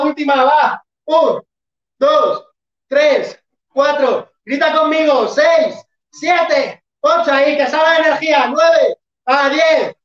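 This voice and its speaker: High-voiced workout coach counting reps, slow and far off the mic in an echoey room. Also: highs cut off. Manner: counts reps and urges the class on, sometimes shouting. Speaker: fitness instructor. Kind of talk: live online workout class.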